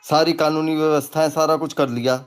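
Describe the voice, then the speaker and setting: A man with a fairly high voice rants at his followers in an offhand, unscripted way. His talk is crude and mocking and keeps wandering from point to point, like a self-styled guru venting on a live stream. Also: level tone, a little fast, smooth, soft background music. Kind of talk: casual live rant.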